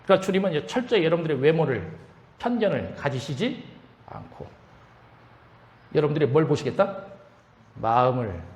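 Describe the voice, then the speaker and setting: A man's voice: a little high, big pitch swings, moderate pace, pauses often, lo-fi sound. A man preaching a sermon as pastor, often asking the congregation questions and raising his voice when quoting. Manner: asks the congregation questions, rising to shouts in quotes. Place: church sanctuary. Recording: echoey church hall reverb.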